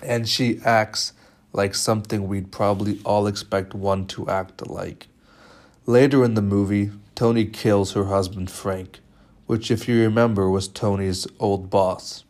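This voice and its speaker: A young man presenting a media studies film analysis in a measured, slightly halting way. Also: fairly low pitch, fairly even intonation, darkish tone.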